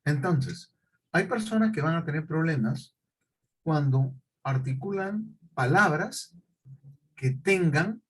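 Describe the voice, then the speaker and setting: A man teaching a class, explaining slowly and deliberately and checking often that his students follow. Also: fairly high pitch, animated, a bit bright, slightly rough, rough recording. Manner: questioning, repetitive explanations with check-ins. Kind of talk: classroom lecture.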